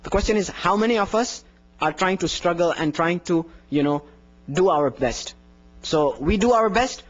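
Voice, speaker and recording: In an indoor room with a plain wall behind him, a young adult adhan instructor gives a workshop lecture on the call to prayer, explaining it and demonstrating with his own high voice. He speaks into a handheld microphone and also wears a lapel mic, and the audio is dull.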